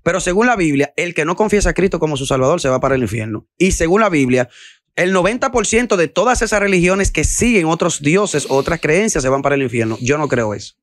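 A man debates with rapid, pressing questions. He talks quickly at a slightly raised pitch, and the room sounds dry and close. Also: animated, dry recording. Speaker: guest. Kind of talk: heated debate.

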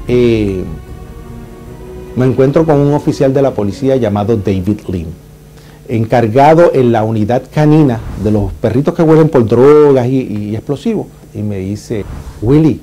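A man giving an emotional first-person survivor's account, vividly acting out the shouts and sounds. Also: mid-range voice.

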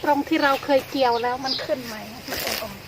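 A woman's voice: sits high, a little fast. An older woman chatting casually as she vlogs in her garden, pointing things out as she goes. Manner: chatty show-and-tell, often pointing things out. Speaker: gardening vlogger. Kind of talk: casual vlog chat while gardening. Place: outdoors in a rural garden. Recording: outdoor recording with clear background noise.

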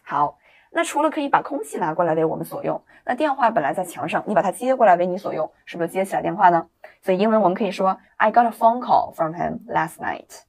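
A woman with a slightly low voice leads an English video lesson, encouraging her learners as she goes. She reads each example sentence slowly and clearly so they can repeat after her. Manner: explains in lively, encouraging classroom talk. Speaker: English teacher.

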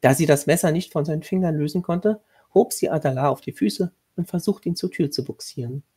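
A man reading his own horror short story aloud in a measured way, with a husky voice and occasional restarts. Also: on the high side, warm tone.

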